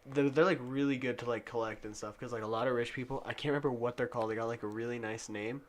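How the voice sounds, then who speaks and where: A young man with a stuffed-up nose chats loosely as a podcast co-host. His voice sits at a middle pitch, and he keeps wandering off course with a steady stream of "like". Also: fast talker, slight background noise. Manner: rambling, fills speech with "like". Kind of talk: casual chat.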